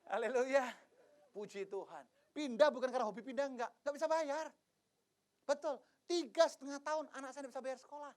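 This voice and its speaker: Indonesian pastor in his 50s, lively storytelling sermon, goes quiet then shouts, does the voices. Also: very high voice, brisk. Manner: animated storytelling, swinging between hushed asides and loud exclamations; acts out dialogue in different voices. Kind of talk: sermon with personal testimony.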